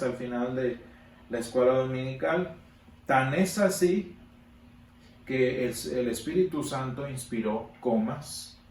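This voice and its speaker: A man teaching a Sunday school Bible class, emphatic, repeating words for stress and pausing on fillers. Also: mid-range voice, a little mellow. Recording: echoey room from a distance, faint background noise.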